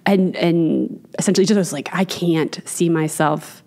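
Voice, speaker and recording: Woman, thirties, from Virginia, lowish voice, chatty and upbeat, studio mic in a gallery. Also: measured pace, warm tone. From Manassas, Virginia, US. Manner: chatty, upbeat, frequent fillers. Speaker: artist guest. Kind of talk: casual interview chat. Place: gallery space, indoors. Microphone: studio mic on boom arm, headphones.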